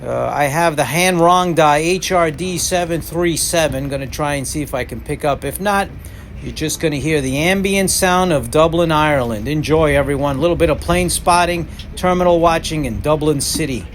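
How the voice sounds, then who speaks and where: A man gives casual vlog commentary as host and plane spotter. His voice is a little high for a man. Clear ambient airport noise runs behind him. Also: moderate pace. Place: airport terminal.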